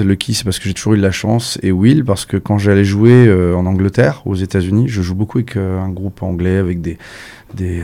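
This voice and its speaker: A man from France, a musician, chatting casually in an interview, relaxed and hesitant, with many fillers. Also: low-pitched. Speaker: musician guest.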